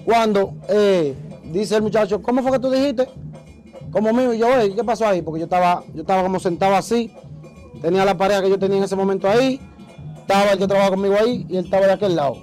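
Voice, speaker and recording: Man, high voice, rapid speech, animated storytelling, faint music behind. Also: low-quality recording. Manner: animated, acts out quoted voices. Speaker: interview guest. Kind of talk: casual storytelling.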